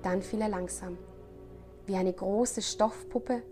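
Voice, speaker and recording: A woman's voice: mid-range voice, fairly even intonation, slow. A woman reading a novel passage aloud in dramatic, tense scripted narration. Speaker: guest reader. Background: faint music.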